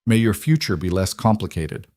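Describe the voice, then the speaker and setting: A man voicing a sharp, blunt female investor who speaks in a knowing, wry way. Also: fairly low pitch, very animated, moderate pace, no echo, clean studio sound.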